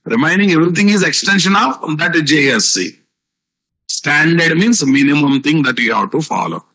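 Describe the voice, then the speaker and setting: A man's voice, a little high and sharp in tone, delivers an expressive lesson at a moderate pace. He is a software instructor with a South Indian Telugu accent leading a live online programming class, and he keeps repeating key phrases, dropping tag words, and asking rhetorical questions.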